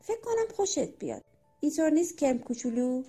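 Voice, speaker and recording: A woman's voice: sits high, big pitch swings, warm tone, faint music behind. A woman voicing a cunning, wicked male bird in a children's story, speaking in a scheming, falsely sweet way.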